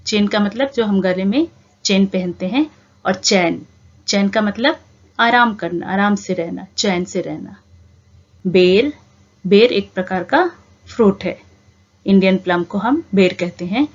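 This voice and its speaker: A woman teaching a reading lesson to young children, asking the class questions and answering them herself in a patient, drawn-out way. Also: mid-range voice. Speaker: primary school teacher. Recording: dull lo-fi home recording.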